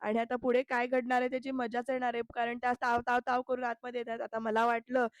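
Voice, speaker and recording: A woman's voice: a little high, monotone, fast talker, no echo. A woman narrating a chatty voice-over recap of a TV serial episode, talking straight to the viewers. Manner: chatty, addresses viewers directly.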